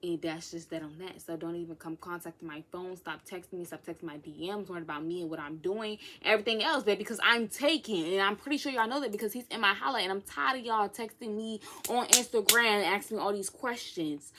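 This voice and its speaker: A woman's voice: medium pitch, fast talker, hardly any pauses, sharp tone. A woman of twenty chatting casually in a Q&A vlog, sassy and playful, with whispered asides. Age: 20s. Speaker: vlogger. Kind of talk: casual get-to-know-me Q&A.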